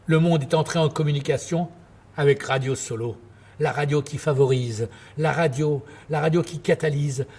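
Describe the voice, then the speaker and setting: A husky, effusive late-night radio host. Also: male voice, on the high side, fairly even intonation, moderate pace, darkish tone. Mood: tender, solemn. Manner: effusive, lyrical, repeating words when flustered. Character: tender, grandiloquent late-night radio host, easily flustered. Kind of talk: theatrical stage monologue as radio sign-off.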